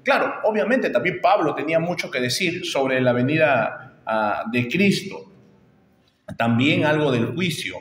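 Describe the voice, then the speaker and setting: A middle-aged pastor preaches with emphasis, circling back on his phrases to drive each point home. His voice sits a little high for a man. It rings through a church hall with a long, roomy echo. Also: lively intonation, measured pace, a bit bright. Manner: emphatic, repeats phrases and rises on key points. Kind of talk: expository sermon. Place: church sanctuary.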